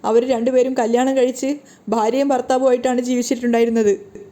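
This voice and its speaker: A woman's voice: on the high side, flat delivery, brisk, dark tone, close to an everyday voice. A woman voicing a betrayed middle-aged wife in a wheelchair, pleading in grief. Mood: grieving.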